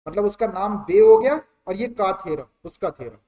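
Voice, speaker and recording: A man's voice: sits high, animated, brisk, dark tone, far from the mic. A male maths teacher giving a chatty classroom lecture, repeating points and explaining with everyday examples.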